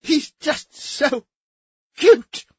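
A man voicing a portly, gushing society matron who warbles in a high, fluttering voice. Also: animated, extremely slow, darkish tone, no echo, highs cut off, heavily acted. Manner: breathless, chirpy, fluttering.

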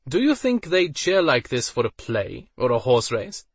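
A man voicing an easygoing, cynical young nobleman who talks in a relaxed, worldly way. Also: medium pitch, normal speed, breathy edge, dry recording.

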